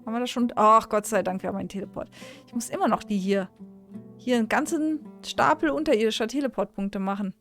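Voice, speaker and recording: High-voiced woman streaming a game. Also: fast talker, fairly bright tone, faint music behind. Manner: chatty, mutters to herself. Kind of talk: casual gameplay commentary.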